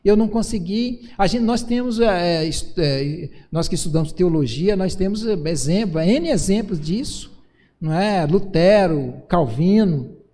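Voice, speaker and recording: Brazilian pastor preaching in a reverberant church. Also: male voice, high voice, lively intonation, unhurried, dark tone. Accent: Brazilian Portuguese. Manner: earnest preaching with many restarts and acted quotes of parents. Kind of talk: sermon. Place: church sanctuary.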